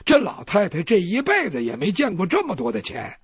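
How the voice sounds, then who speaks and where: A male storyteller narrating a traditional Chinese tale in a dramatic, animated way. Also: high-pitched, brisk, breathy edge, no echo, studio quality.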